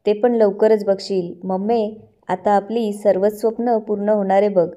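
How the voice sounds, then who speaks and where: A woman's voice: medium pitch, fairly even intonation, moderate pace, dark tone, close to an everyday voice. A woman reading the lines of a smug young man from a TV serial in her own plain voice. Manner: read out in a plain narrating voice.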